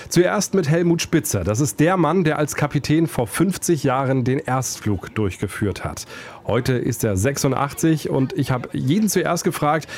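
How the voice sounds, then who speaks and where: A man's voice: on the high side, expressive, moderate pace, a little mellow. A man hosting an aviation podcast, narrating from a script in a casual, direct style.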